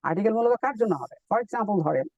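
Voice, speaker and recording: Male English teacher, high voice, distant dull mic, dry sound; patient step-by-step drills. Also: animated, darkish tone, no echo. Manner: explains step by step, repeats drill words slowly. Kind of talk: live online lesson.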